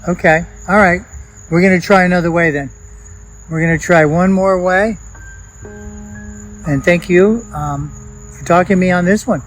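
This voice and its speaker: A man with a slightly raised voice, talking in a hushed, coaxing way. He hosts a ghost-hunting vlog outdoors in a cemetery at night. Faint music plays behind him. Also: sits high, normal speed, long pauses, rough recording. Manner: hushed, coaxing, talks to spirits. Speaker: paranormal investigator host. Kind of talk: casual vlog narration.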